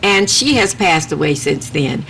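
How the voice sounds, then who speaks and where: A woman's voice: sits low, expressive, measured pace, gravelly, a bit bright, a little hiss or hum. A woman in her seventies hosting a talk show, chatting casually and hesitantly with frequent restarts. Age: 70s. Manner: hesitant, with many restarts and fillers. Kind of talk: casual studio chat.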